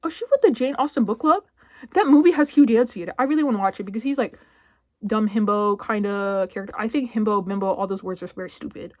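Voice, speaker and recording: A woman with a mid-range voice rambles casually about her latest book finds, her words full of "like" and restarts. She jumps into high, excited squeals now and then. The sound is close and dry, with no room echo. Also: quick pace. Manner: chatty and rambling, heavy filler words, sudden squealy outbursts. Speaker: book vlogger.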